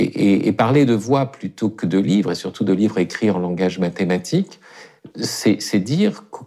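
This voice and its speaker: Low, gravelly, husky man; halting, reflective philosophy radio guest. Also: a little mellow. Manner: hesitant, many fillers and restarts.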